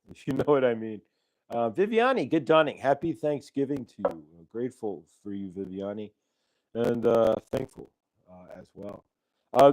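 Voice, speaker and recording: A middle-aged man hosts a casual live stream through a clip-on transmitter mic, rambling and thanking people amid plenty of fillers and restarts. His voice is medium-pitched and a little mellow, with no echo, though the recording is rough.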